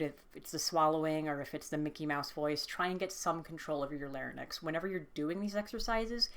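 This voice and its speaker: Low-pitched woman giving casual voice tips. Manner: relaxed, hesitant, many fillers and restarts. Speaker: voice training tutor. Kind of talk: casual instructional vlog.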